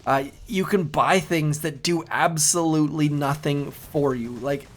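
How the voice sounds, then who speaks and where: A middle-aged man whose voice sounds youthful hosts a game channel, giving casual, chatty commentary that rambles and repeats words. His pitch is a little high and his pace a little slow.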